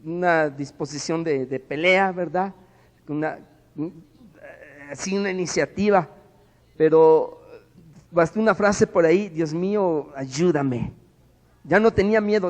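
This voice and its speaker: A man preaches with a Mexican Spanish accent, his fairly high voice pushing hard and then dropping low. The sound hangs in a church hall with a long reverb tail. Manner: emphatic preaching, swings from loud to hushed. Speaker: pastor. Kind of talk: sermon with a personal story.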